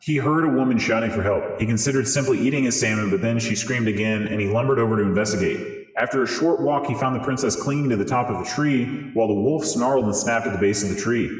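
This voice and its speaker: A man reading a fairy tale aloud through a voice changer that morphs his voice, in steady storybook narration. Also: mid-range voice. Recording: roomy with long reverb.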